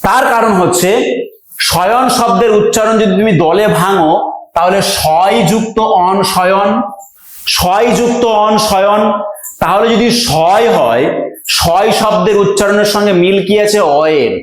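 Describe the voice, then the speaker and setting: A man teaching an exam-prep grammar lesson, repeating key items slowly so students can memorize them. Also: high voice. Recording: very echoey room.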